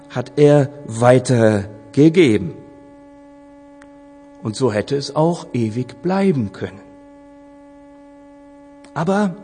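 Slow, expressive male storyteller. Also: medium pitch, gravelly. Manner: measured, dramatic pauses. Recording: long hall reverb, faint music, mains hum.

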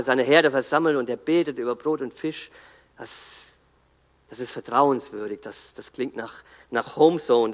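A man giving an earnest, emphatic sermon, pausing and restarting as he speaks. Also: medium pitch, fairly bright tone, big-room sound. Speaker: guest preacher.

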